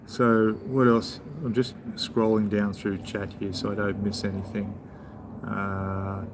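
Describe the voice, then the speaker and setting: Easygoing low-voiced man live-streaming. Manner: relaxed, rambling, chats with viewers while eating. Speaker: travel vlogger. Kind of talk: casual live-stream chat. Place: large hotel lobby bar, indoors. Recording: steady background noise of a hotel lobby.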